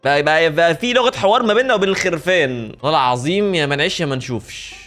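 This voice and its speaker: A man's voice: a little high, lively intonation, racing, a bit bright. A young Egyptian man hosting a reaction video, joking and mocking himself, repeating his phrases. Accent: Egyptian Arabic. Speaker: YouTube host reacting to clips. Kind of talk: casual reaction commentary.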